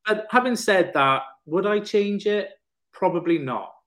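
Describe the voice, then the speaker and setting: A man's voice: high voice, animated, measured pace, fairly bright tone, slight background noise. Candid man telling a personal story. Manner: open, emotional, casually swearing, many fillers and restarts. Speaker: podcast guest, personal trainer and counsellor.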